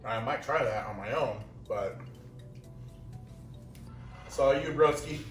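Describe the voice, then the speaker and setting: A man's voice: mid-range voice, takes it slowly, fairly bright tone. A young man hosting a casual cooking vlog, chatty and self-deprecating, talking while he eats. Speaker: cooking show host. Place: home kitchen. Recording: roomy kitchen, mic at a distance, music.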